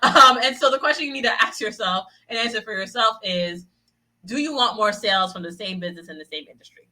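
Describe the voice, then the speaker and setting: A woman coaching business owners in a quick, lively talk, tagging her points with "right?" as she goes. Her voice is bright and forward, and she rattles along at a brisk clip. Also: mid-range voice, poor audio. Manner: upbeat, peppers sentences with "right?"; acts out little voices of clients. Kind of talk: motivational solo podcast talk.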